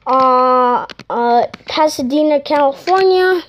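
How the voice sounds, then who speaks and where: A woman voicing a male toy tank engine in a halting toy play-along, with many fillers. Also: high-pitched. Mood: eager.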